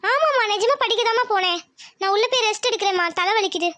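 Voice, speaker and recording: A woman's voice: very high voice, fast, bright, forceful tone. A woman voicing a nervous young daughter in a cartoon who hides a secret romance, with a pleading, evasive, stammering manner.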